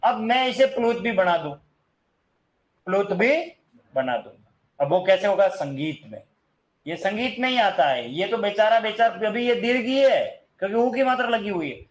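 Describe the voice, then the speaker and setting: A man's voice: high voice, expressive, normal speed, poor audio. A man teaching a grammar lesson, asking his class questions, answering them himself, and singing snatches of songs as examples. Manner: sings snatches of songs to show long vowels.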